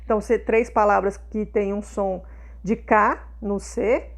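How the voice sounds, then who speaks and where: A woman's voice: mid-range voice, fairly even intonation, a little slow. A woman teacher explains a lesson to young students, patiently repeating points and checking understanding.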